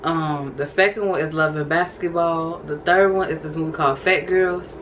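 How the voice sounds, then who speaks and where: A woman's voice: low-pitched, steady tone, moderate pace, dull audio, noisy background. A young woman vlogging casually, reading from her journal and calling her viewers y'all. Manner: chatty, addresses viewers as y'all.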